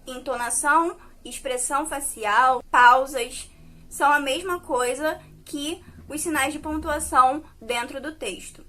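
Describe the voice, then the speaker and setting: A woman's voice: sits high, sharp tone. A woman teacher with a Brazilian Portuguese accent, explaining a lesson to her pupils on video and often checking in with them.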